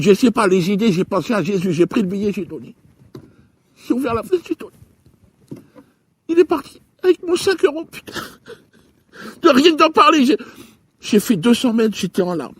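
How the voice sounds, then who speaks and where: A man doing stand-up comedy into a handheld stage mic, telling a story with stammering restarts and sudden swings between loud and low. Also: husky, no room sound.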